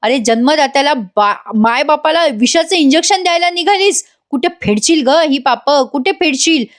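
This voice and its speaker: A woman's voice: sits high, expressive, moderate pace, voice pushed up. A woman voicing a bitter aging father who scolds his daughter in a reproachful, pleading way.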